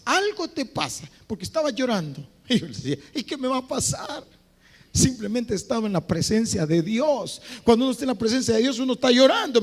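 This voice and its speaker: Pastor, impassioned sermon, high and very lively voice, church hall reverb. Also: male voice. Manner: impassioned preaching, swinging between loud exhortation and quiet phrases.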